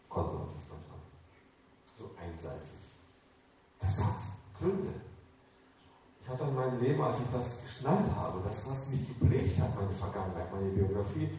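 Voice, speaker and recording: A man preaches in a mellow, low-toned voice, pressing his points on the listeners with direct commands and questions. He sounds distant from the microphone in a strongly echoing hall with faint room noise behind him. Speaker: preacher speaking to young people. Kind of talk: sermon.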